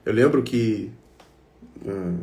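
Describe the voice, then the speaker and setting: A man's voice: lowish voice, animated, takes it slowly, mellow. A man with a Brazilian Portuguese accent giving an emotional self-help talk, speaking emphatically to his listeners in short repeated phrases.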